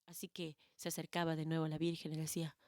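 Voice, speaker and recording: Expressive Peruvian woman storyteller. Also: sits low, quick pace, dry recording, clean studio sound. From Peru. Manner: expressive, animated narration. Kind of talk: oral storytelling.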